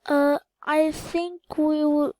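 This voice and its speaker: Slow, high-voiced woman narrating her game. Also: level tone, a little mellow, no echo, low-quality recording. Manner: halting, repeats words, counts aloud. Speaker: gaming channel host. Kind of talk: casual gameplay commentary.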